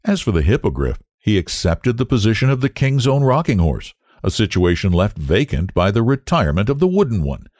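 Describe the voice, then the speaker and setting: A man reading a children's storybook aloud in an expressive, lilting way, close to the mic. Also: on the low side, a little fast, hardly any pauses, no echo. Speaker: children's story podcast narrator.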